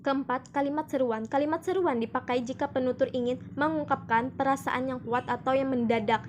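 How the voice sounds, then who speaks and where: A woman's voice: sits high, fairly quick, a little mellow, slight background noise. A young woman student presenting a grammar lesson, reading it aloud steadily with the odd small self-correction.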